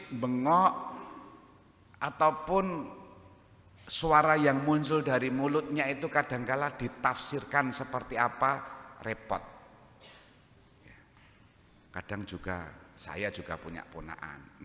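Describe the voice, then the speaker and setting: Javanese-accented priest in an echoey church. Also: male voice, medium pitch, steady tone, unhurried, pushed and bright. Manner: joking, conversational preaching mixed with local phrases. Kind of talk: homily.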